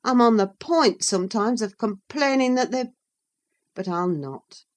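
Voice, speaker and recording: A woman's voice: a little high, expressive, unhurried, voice pushed up. A woman reader voicing a sullen, resentful young man who speaks bluntly and stubbornly.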